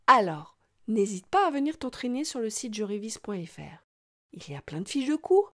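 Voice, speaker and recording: A woman's voice: a little high, darkish tone. A woman giving a scripted reading lesson for young children, patient and sounding out each syllable with exaggerated care. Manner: slow, patient, sing-song, exaggerated pronunciation. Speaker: teacher.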